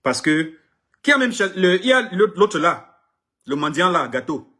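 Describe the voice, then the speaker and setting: A middle-aged Cameroonian artist manager, a native English speaker, delivers an impassioned public address in French, emphatic and repetitive, often stumbling over words. His voice is high, sing-song, bright and forceful, at a moderate pace.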